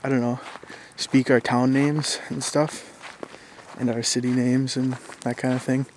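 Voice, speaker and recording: A young vlogger from southern Minnesota, Minnesotan accent and all, rambles casually to the camera with lots of fillers and restarts. His voice is medium-pitched, level, and a little slow. The low-quality recording carries faint background noise.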